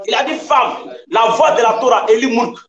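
Insistent high-voiced man in an echoey room. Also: moderate pace, highs cut off, crowd noise. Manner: insistent, repeats points, lecturing tone. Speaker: debater. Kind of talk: heated online debate.

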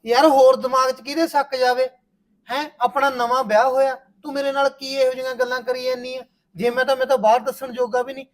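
A man's voice: high voice, quick pace, darkish tone, close to an everyday voice. Man playing a jealous young husband. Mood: suspicious. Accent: Punjabi, Malwa. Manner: suspicious, pleading. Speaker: newly married husband. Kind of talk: village short-film acting.

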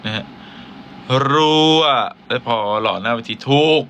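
A singer hosting a live stream, chatting with fans in a playful, teasing way. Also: male voice, fairly low pitch, steady tone, fast talker, fairly bright tone, a little hiss or hum. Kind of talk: casual live-stream chat.

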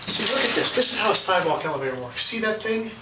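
A man guides the listener through an elevator ride with eager, explanatory enthusiasm. He sounds set back from the camera mic in a boomy little cab. A heavy wash of noise sits under everything he says. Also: animated, fast. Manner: eager, explanatory, points things out. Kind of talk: casual guided walkthrough. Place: inside a small elevator cab in a building. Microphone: handheld camera mic. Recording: roomy, distant, loud background noise.

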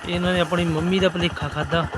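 A man's voice: high voice, flat delivery, fast talker. A man with a Punjabi accent vlogging casually outdoors, talking tenderly and coaxingly in short, repeated calls and exclamations. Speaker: vlogger feeding stray puppies. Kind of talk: casual outdoor phone vlog, chatting to animals and viewers. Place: outdoors in the open. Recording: noisy outdoor phone recording.

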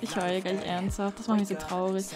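A woman hosting a casual game let's play over voice chat, excitable and teasing, laughing often. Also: medium pitch, brisk. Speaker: gaming channel host. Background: background music.

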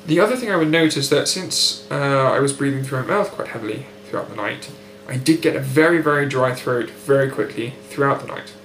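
This young British adult, nasal and blocked up after surgery, talks through his recovery diary in an articulate, unhurried, precise manner. His voice is medium-pitched and fairly bright. The recording comes from a close-framed built-in webcam mic in an echoey home room near a window, with faint hum.

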